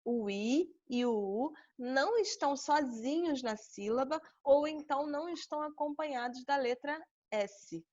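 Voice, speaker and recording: A woman's voice: high-pitched, expressive, a little slow, darkish tone. A Brazilian woman teaching an online class, explaining step by step and checking in with her students often. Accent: Brazilian Portuguese. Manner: patient, explaining step by step with frequent "tá?". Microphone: video call. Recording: dull lo-fi video call audio.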